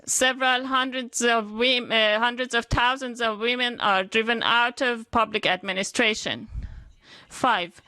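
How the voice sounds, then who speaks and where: A woman addresses a parliament panel over a video link, speaking slowly and earnestly with many pauses and fillers. Her voice sits a little high and sounds bright. The sound is dry and close. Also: clear, resonant tone, no echo. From Afghanistan. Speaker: women's rights activist speaker. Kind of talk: formal prepared speech to a parliament panel. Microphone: remote video call connection.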